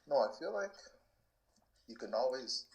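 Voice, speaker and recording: A guest soccer player from Canada, a man in his twenties, answers interview questions in an unhurried, mid-range voice with slight background noise. He sounds relaxed and keeps restarting, leaning heavily on "like."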